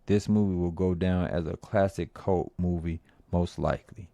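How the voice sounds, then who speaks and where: A man doing casual, rambling commentary on movies and viral fights, slangy and animated when ranting. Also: deep voice, normal speed, creaky, dry recording. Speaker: movie review vlogger.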